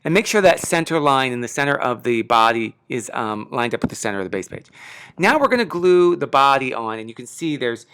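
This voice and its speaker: A man's voice: medium pitch, big pitch swings, a little fast, a bit bright, clean tone. A man hosting a casual step-by-step craft tutorial, chatty and enthusiastic, with slightly impeded articulation from a sore tongue. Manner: chatty, enthusiastic, self-deprecating. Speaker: craft lesson host. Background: background music.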